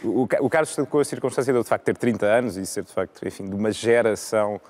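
A man in his thirties with a European Portuguese accent, speaking as a guest in a live panel debate, measured and often restarting his sentences. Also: lowish voice, a little mellow. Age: 30s. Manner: measured, with frequent repetitions and restarts. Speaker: law lecturer and debate guest.

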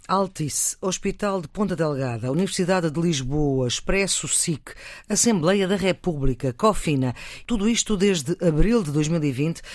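A man with a European Portuguese accent presenting a radio talk show in measured, scripted introductions. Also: on the high side, dry recording, studio quality. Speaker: radio host.

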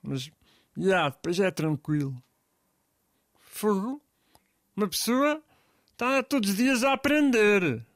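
A man's voice: high voice, lively intonation, takes it slowly, long pauses, fairly bright tone, no echo, clean studio sound, exaggerated voice. A man with a European Portuguese accent in comic scripted banter, asking puzzled questions and giving in easily.

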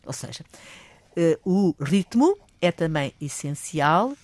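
An older woman with a European Portuguese accent, a teacher explaining public speaking in a lively way, acting out examples. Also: low-pitched, no room sound. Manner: lively, acts out examples, admits speaking fast.

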